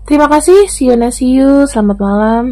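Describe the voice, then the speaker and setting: A woman's voice: high-pitched, animated, a little fast, a little mellow. A woman doing a casual tarot reading, chatting directly to the viewer as she turns the cards. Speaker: tarot reader.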